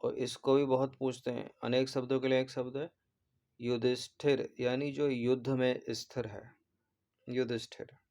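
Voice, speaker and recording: A man's voice: mid-range voice, level tone, normal speed, a little mellow. A man, an exam prep teacher who goes through test answers and patiently repeats and corrects spellings.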